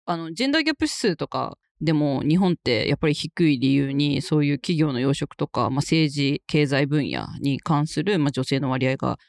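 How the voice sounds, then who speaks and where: Low-pitched woman with very lively intonation. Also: fairly quick, few pauses, dry recording, studio quality. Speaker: podcast co-host. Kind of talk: casual discussion, commentary.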